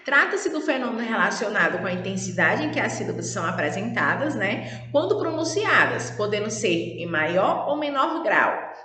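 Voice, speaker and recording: A woman's voice: medium pitch, very animated, normal speed, sharp tone. A woman teacher giving a formal grammar lesson, often checking in with tag questions. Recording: echoey room with long reverb.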